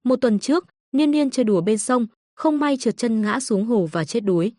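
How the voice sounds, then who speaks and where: A woman reads a story aloud in a steady, even manner. Her voice is a little high, and the recording is dry and close with no room sound. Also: normal speed, no room sound. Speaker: narrator. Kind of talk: audiobook narration.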